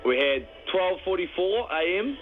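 A man's voice: high voice, big pitch swings, a little slow. A man with a New Zealand accent chatting casually on the phone as a staffer taking a call. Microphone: telephone. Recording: phone call with faint noise.

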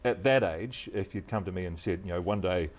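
Appearing as a guest in a laid-back interview, this middle-aged man, a news presenter, speaks in a deep New Zealand-accented voice. His manner is relaxed, measured and modest.

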